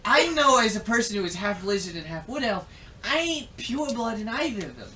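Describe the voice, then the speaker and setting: A man running a tabletop game, his voice bright and animated as he banters in mock exasperation with his players. He sounds a little off-mic, with faint noise behind him. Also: sits high, brisk, distant mic. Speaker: dungeon master.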